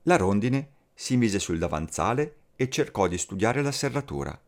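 A man reading a fairy tale aloud as a storyteller, slow and expressive. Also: fairly low pitch. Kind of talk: scripted fairy tale narration.

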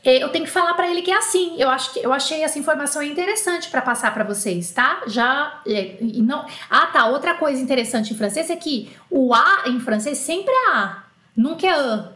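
With lively intonation and a high, pushed, bright voice, a Brazilian woman teaches French online in an echoey room. She has a Brazilian Portuguese accent, explains patiently, and slowly spells out letters.

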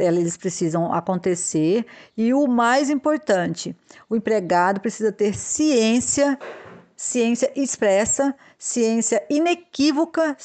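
A woman explains workplace legal rules on a podcast. She is deliberate and advisory, and she often hesitates and restarts a phrase before going on. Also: medium pitch, darkish tone. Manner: measured, with frequent hesitations and restarts. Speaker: podcast host, labor law advisor.

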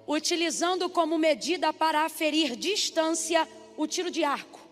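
Very high-voiced woman preaching. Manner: emphatic, draws out words, calls for congregation responses. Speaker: pastor. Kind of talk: sermon. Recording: long hall reverb with faint music.

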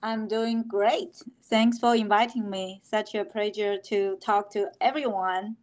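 A middle-aged Taiwanese company founder responds to interview questions haltingly, with many fillers and restarts. Her mid-range voice is steady and slightly mellow.

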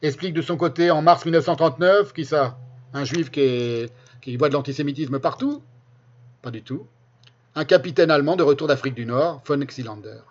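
Higher-voiced Frenchman reading emphatically, dull recording. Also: a little fast, breathy edge. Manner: emphatic, repeats key phrases for stress. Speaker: commentator presenting a history book. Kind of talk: reading quotations aloud with spoken asides. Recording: dull, lo-fi sound.

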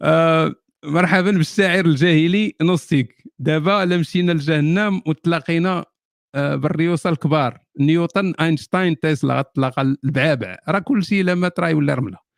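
A man's voice: a little high, fast talker, gravelly, no echo, studio quality. A man with a Moroccan accent hosting a casual live Q&A, answering viewer questions with jokes, sardonic asides and frequent laughter.

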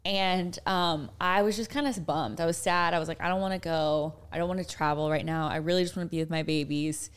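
A woman's voice: low-pitched, fairly even intonation, fairly quick, hardly any pauses, clear, resonant tone. A young woman co-hosting a podcast, telling a story in casual chat with lots of fillers. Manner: chatty storytelling with many fillers. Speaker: podcast co-host.

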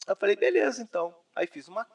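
Animated Brazilian man telling a story. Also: high voice, rapid-fire, vocal fry, slightly rough, distant mic. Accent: Brazilian Portuguese. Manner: animated storyteller, says "cara" often. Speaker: interview guest. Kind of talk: personal testimony, casual conversation.

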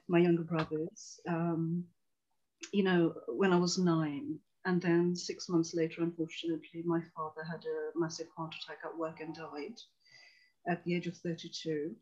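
A woman's voice: on the low side, lo-fi sound. A woman in her forties, originally from Tanzania, working as a psychotherapist and telling her life story earnestly and reflectively as a guest on a video call. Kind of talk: personal storytelling in a conversation.

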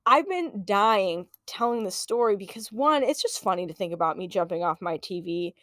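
A woman in her late twenties hosting a podcast, telling a personal story in a casual, animated, profane way and laughing often. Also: medium pitch, normal speed, no room sound, studio quality. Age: late 20s. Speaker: podcast host.

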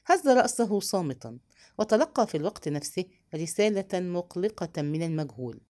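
A woman narrates a novel in an audiobook. Her voice sits low and moves expressively through a wide melodic range, measured and deliberate. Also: sing-song, a little mellow.

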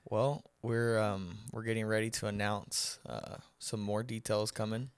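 Joking Texan man, low voice. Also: little pitch movement, a little slow, clear, resonant tone, no echo. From Texas. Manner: joking, teasing. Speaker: podcast co-host. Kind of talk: casual podcast chat.

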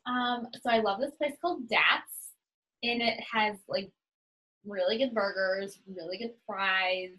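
Bright, chatty young woman. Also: mid-range voice, unhurried, rough recording. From New England. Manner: chatty, uses "like" a lot, upbeat. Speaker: interviewee. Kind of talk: casual conversational interview.

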